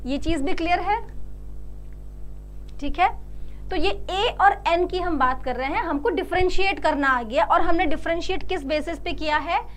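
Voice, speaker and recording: A woman teaching an exam-prep English grammar class, asking the class questions, answering them herself and saying example sentences slowly. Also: extremely high pitch. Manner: slow, drawn-out English model sentences.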